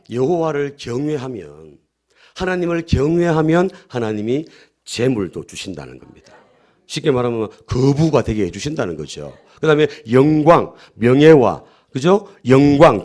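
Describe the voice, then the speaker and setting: A middle-aged male pastor delivers a sermon and leads the congregation in repeating key lines. His pitch rises and falls with lively animation, and he moves from quiet, low asides to loud, emphatic declarations. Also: moderate pace. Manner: call-and-response preaching, prompting the congregation to repeat; swings between soft low asides and loud emphatic peaks.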